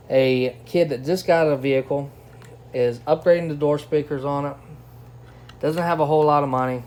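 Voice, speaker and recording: A man with a slightly high, darkish voice enthusiastically unboxes and tests a product in a casual, informal hands-on review. Clear background noise runs through the recording.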